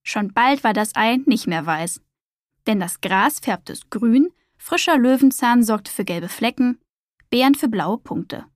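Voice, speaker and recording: A woman narrating a children's storybook in a calm, expressive reading voice. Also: on the high side, dry recording, clean studio sound.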